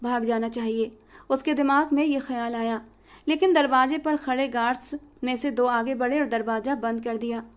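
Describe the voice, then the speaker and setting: A woman narrating a dramatic romance story in a steady, dramatic storytelling manner. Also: high-pitched, normal speed, clear, resonant tone.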